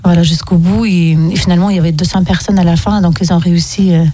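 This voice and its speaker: Give me a hesitant young woman director from Russia in a radio interview, with a dark, mellow voice. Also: on the low side, fairly even intonation, fast talker, a little hiss or hum. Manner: hesitant, many ums. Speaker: film director, guest.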